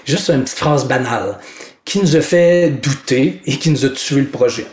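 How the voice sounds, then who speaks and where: A man's voice: medium pitch, normal speed. Spontaneous Québécois man in a roomy space. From Quebec. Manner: spontaneous, animated, laughs often, says "là" a lot. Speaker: motivational speaker, guest. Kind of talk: casual interview talk.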